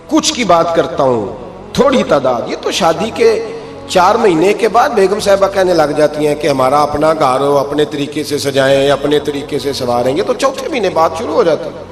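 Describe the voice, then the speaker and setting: Emphatic male preacher in an echoey hall. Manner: emphatic, rising to high exclaims and dropping low. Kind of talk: Urdu sermon with storytelling. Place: mosque. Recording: echoey hall with faint music.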